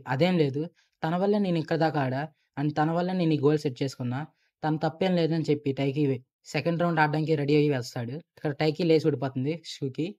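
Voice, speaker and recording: A young man narrating a casual anime episode recap, rapidly retelling the story and reading out every character's lines. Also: fairly high pitch, darkish tone.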